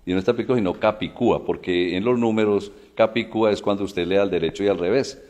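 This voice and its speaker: A low-voiced man explains spelling rules in a folksy, conversational way, leaning on everyday examples. His voice carries a long reverberant tail in the recording. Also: fast talker, a little mellow. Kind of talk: casual explanatory talk.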